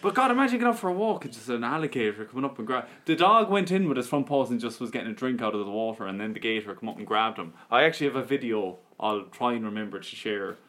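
A man's voice: mid-range voice, lively intonation, fast talker, few pauses, fairly bright tone. A man with an Irish accent co-hosting a podcast, chatting casually and telling loose news stories with frequent laughs. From Ireland. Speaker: podcast co-host. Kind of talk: casual chat.

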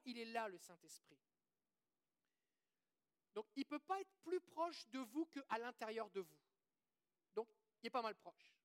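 A woman with a Québécois French accent preaching a sermon, quoting scripture, asking the audience questions and leading prayers. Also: on the high side. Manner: earnest, asks the audience questions, quotes scripture.

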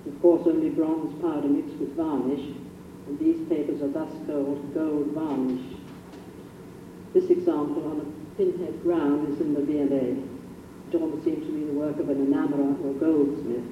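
A man's voice: on the high side, flat delivery, moderate pace. Posh male lecturer, thin distant recording. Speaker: lecturer on historic decorated papers. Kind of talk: illustrated slide lecture. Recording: muffled phone-like old recording, roomy, distant, hissy.

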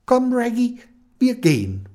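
A man's voice: a little high, big pitch swings, measured pace, mellow, pitched above the performer's own voice, heavily acted. A man voicing a caring, stubborn young girl in a children's storybook, in a raised, sweet voice. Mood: indignant.

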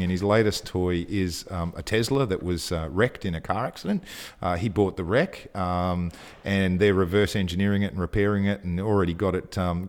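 A man co-hosting a casual podcast chat, talking with enthusiasm and getting a little breathless as he gushes. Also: low voice. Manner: enthusiastic, gushing, breathless at times. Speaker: co-host.

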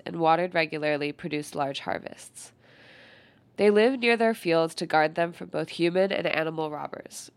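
A woman reads an old textbook aloud in a soft, unhurried voice, stopping now and then to comment. Her nose is stuffy, and her voice sits fairly low with a gravelly fry. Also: no echo. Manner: quiet, unhurried, pausing to comment on the text. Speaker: reader.

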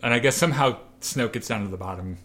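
A man's voice: medium pitch, fast. A man co-hosting a casual chat show, animatedly retelling a comic and acting out the characters' lines. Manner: animated storyteller, acts out quoted lines. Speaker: podcast co-host.

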